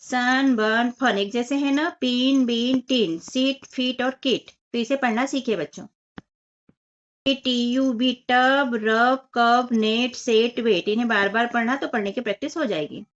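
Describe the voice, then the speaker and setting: Female teacher, patient step-by-step children's lesson, slightly high voice, muffled recording. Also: steady tone, a little slow. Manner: patient, explains step by step, addresses children as 'बच्चों' and 'बेटा'. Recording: dull lo-fi voice recording.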